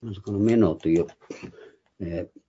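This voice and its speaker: A man's voice: low voice, moderate pace, warm tone, husky. An older man giving a Bible study lecture, explaining patiently with frequent hesitant fillers, in a dull lo-fi recording. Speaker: Bible teacher.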